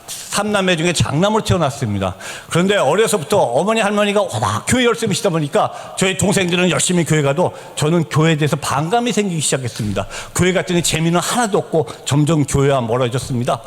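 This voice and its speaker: A middle-aged man, a missionary, telling his conversion story as a church testimony in an animated, storytelling way that rises to shouts. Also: on the high side, quick pace, hardly any pauses. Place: church sanctuary. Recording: church hall reverb.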